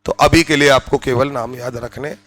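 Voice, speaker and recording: A man's voice: medium pitch, steady tone, normal speed, fairly bright tone, rough recording. A man teaching a chemistry class in Hindi, drilling students with repeated check-in questions and spelling out each term. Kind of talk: classroom lecture.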